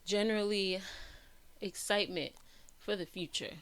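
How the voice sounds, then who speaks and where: A woman's voice: medium pitch, moderate pace, a bit bright, clear, resonant tone, no echo. Baltimore lady hosting a podcast, lots of ums, dry close mic. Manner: chatty, laughs often, uses filler words. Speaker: podcast host. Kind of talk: casual chat.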